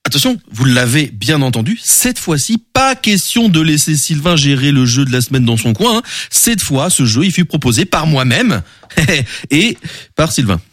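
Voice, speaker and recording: A man's voice: on the high side, sing-song, moderate pace, fairly bright tone, no echo. Guy hosting a radio show, rambly, lots of euhs, bouncy voice, dry studio sound. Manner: rambling, many fillers and self-corrections. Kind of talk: casual studio chat.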